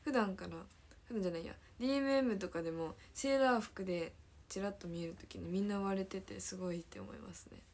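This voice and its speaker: A woman's voice: mid-range voice, quick pace, vocal fry, a little mellow, slight background noise. A teenage girl with a Kansai accent chatting casually on a livestream, giggling often and repeating her own phrases as she reads viewer comments. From Hyogo, Japan. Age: teens. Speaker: idol trainee livestreamer.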